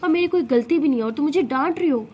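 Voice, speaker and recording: A woman's voice: high-pitched, quick pace, mellow, lo-fi sound, a little hiss or hum, natural voice. A woman doing a sarcastic nosy older sister. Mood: teasing. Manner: sarcastic, chiding.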